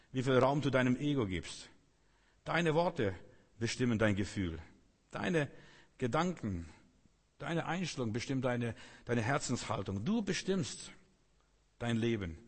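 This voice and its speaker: Heard through long hall reverb, this preacher leans on emphatic repetition and sometimes mimics complaining voices. He speaks at a medium pitch with a husky quality.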